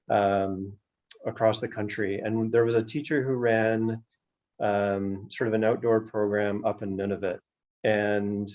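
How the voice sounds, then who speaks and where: A Canadian man with a lower register and darkish tone gives thoughtful interview answers at an online book launch, his delivery measured and searching. He is an author and an outdoor education director.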